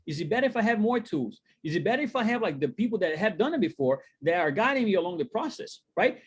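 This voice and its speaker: Brief: man from Brazil, co-host, casual webinar chat, husky edge, animated, rhetorical questions. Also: fast. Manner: animated, rising pitch on rhetorical questions, many fillers. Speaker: co-host, wealth coach.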